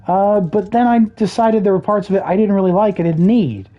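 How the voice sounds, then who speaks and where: A game streamer chatting casually over gameplay, explaining mechanics with dry jokey asides, throat a bit rough with the odd cough. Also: mid-range voice, a little fast, muffled recording. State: throat trouble, occasional coughing.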